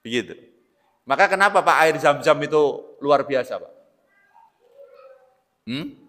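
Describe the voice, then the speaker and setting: A man preaching an Islamic sermon, swinging between loud emphatic bursts and quiet asides, often addressing listeners as "Pak". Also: on the high side, lively intonation, a little slow. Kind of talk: lecture-style religious sermon. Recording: long reverb of a large hall.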